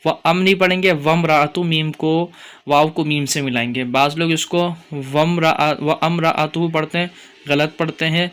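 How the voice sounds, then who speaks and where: A man with a Pakistani Urdu accent teaching Quran recitation rules, explaining each point and chanting verses slowly. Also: fairly high pitch, steady tone, a bit bright, clear, resonant tone. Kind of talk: tajweed lesson with chanted recitation.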